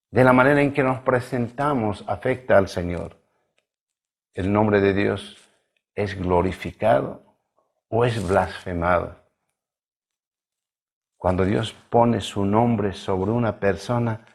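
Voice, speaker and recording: Slow gravelly-voiced male pastor preaching. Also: mid-range voice, a little mellow. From Bolivia. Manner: measured, emphatic preaching with drawn-out stresses. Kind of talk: sermon. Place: church livestream.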